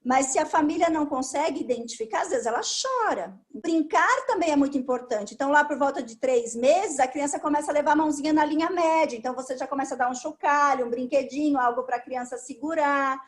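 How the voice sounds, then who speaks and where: High-voiced Brazilian woman explaining patiently. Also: fairly quick, hardly any pauses. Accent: Brazilian Portuguese. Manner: patient, instructive, explains step by step. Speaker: speech therapist guest. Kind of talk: explanatory interview talk.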